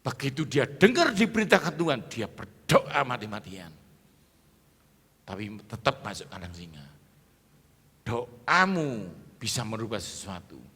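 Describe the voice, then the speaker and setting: A middle-aged male preacher delivers an emphatic sermon, his voice bright and swinging widely in pitch. He keeps rousing the congregation for amens and applause. The sound rings with the long reverb of a large church hall. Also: big pitch swings, unhurried, long pauses, husky.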